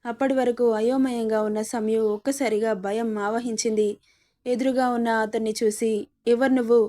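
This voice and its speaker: Mellow woman telling a story. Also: on the high side, flat delivery, moderate pace. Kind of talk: scripted story narration.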